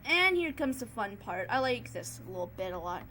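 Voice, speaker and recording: A woman narrating an improvised tutorial in a casual, subdued and somewhat monotone way. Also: a little high, moderate pace, slight background noise. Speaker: tutorial host, digital artist.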